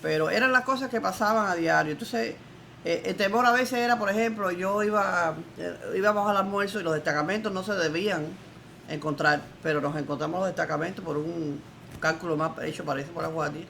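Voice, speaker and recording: Older Cuban woman, fast-talking, emphatic witness telling her story. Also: lowish voice, creaky, fairly bright tone, slight background noise. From Cuba. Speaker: interviewee, former political prisoner. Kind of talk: recorded testimony interview.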